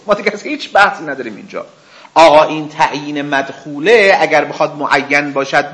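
Animated male seminary lecturer. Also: on the high side. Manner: animated, acts out questions and answers with imagined speakers; asks the listeners rhetorical questions. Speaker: religious seminary teacher. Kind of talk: spoken lecture.

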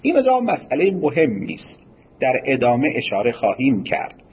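A husky-voiced male cleric lectures on jurisprudence in a loose, storytelling way, full of formal courtesies. The recording is dull and lo-fi. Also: medium pitch, wildly swooping pitch. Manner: discursive, tells stories and laughs, polite formal phrases. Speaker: cleric teaching Islamic jurisprudence. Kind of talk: seminary lecture with anecdotes.

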